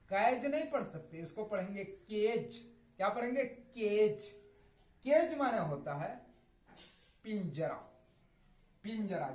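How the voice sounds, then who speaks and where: Slow, lively-pitched teacher spelling words. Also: male voice, reverberant, poor audio. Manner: spells words letter by letter, asks and answers own questions; repeats words slowly and emphatically. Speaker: English teacher. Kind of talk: vocabulary lesson with spelling and repetition.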